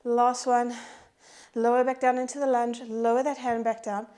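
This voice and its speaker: Guiding a Pilates strength session, this instructor has a warm, high-leaning voice with little pitch movement and a moderate pace. She sounds breathless as she calls out each move, counts the reps and cheers her class on.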